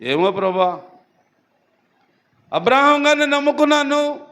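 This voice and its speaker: A man's voice: very high voice, lively intonation, measured pace, fairly bright tone, exaggerated voice. A destitute mother left in the wilderness pleads in a subdued, sinking voice, as a male preacher acts her out in a sermon. She sounds hopeless and worn down. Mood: despairing. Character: destitute weeping mother abandoned in desert.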